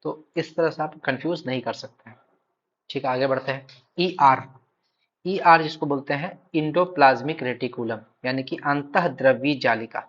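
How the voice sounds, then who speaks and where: A man with a Bihar accent giving a recorded exam-prep lecture. He drills each key term by saying it again and again, pausing to check that his students are following. His voice sits at an ordinary pitch and comes through a dull, lo-fi recording. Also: a bit bright. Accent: Hindi speaker from Bihar. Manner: repeats key terms, checks in with "ठीक है".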